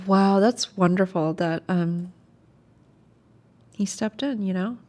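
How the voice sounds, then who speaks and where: A woman co-host in a casual chat, supportive and quick with short reactions. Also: mid-range voice, warm tone.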